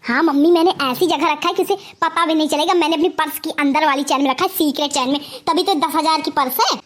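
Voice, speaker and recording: A woman's voice: sits high, quick pace, fairly bright tone. Woman voicing a sly spoiled college girl. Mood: sweet-talking. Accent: Awadhi-tinged Hindi. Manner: bossy and sly, sweet to her mother, mean in asides. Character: spoiled scheming young woman, college-going elder daughter. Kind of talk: cartoon comedy voice acting.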